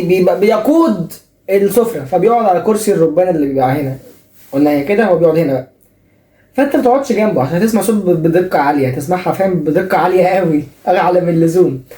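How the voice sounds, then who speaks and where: A young man with an Egyptian Arabic accent hosts a comic advice show at a quick clip, teasing and playfully sarcastic. His voice is mellow and relaxed. The room adds a noticeable echo. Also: high voice. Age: young adult. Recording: echoey room.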